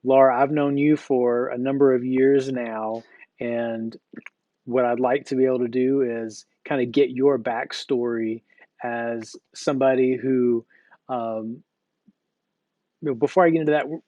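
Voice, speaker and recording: A man's voice: medium pitch, fairly even intonation, measured pace, mellow, dry recording, muffled recording. A man interviewing a guest, asking his questions hesitantly with many fillers.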